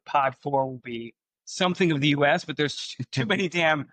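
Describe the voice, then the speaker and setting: A man's voice: fairly high pitch, a little fast, fairly bright tone, no room sound, poor audio. A man hosting a casual podcast interview, teasing his guest and rambling with restarts. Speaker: podcast host, company CEO.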